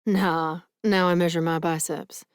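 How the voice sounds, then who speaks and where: A woman reading the lines of an easygoing man with a deep voice, wry and relaxed in an audiobook. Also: unhurried, smooth, no room sound, studio quality, close to an everyday voice.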